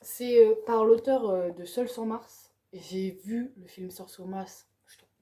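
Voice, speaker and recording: A woman's voice: medium pitch, takes it slowly, dark tone. A woman chatting casually and enthusiastically about the books on her reading pile. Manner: chatty, enthusiastic, ends phrases with "quoi". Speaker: book vlogger.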